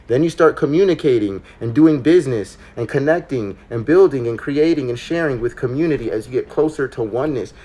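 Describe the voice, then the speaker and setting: A man's voice: medium pitch, darkish tone, a little hiss or hum. A man hosting a casual spiritual chat, talking in a preachy, blunt and slangy way. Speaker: podcast host.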